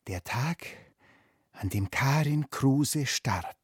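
A man voicing a secretive, commanding old village woman who speaks in a hushed, urgent voice. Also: fairly low pitch, slow, slightly rough, no echo, clean studio sound, voice pushed up, full character voice. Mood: grim.

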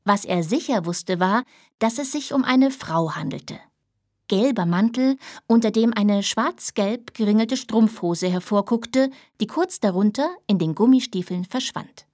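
A woman reading a children's book aloud in a lively, expressive storytelling manner. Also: medium pitch, a little slow, no echo, clean studio sound. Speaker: narrator.

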